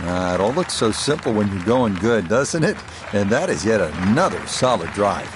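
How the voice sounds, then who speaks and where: A man giving measured, understated play-by-play as a golf commentator. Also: lowish voice, big pitch swings, a crowd in the background, noisy background.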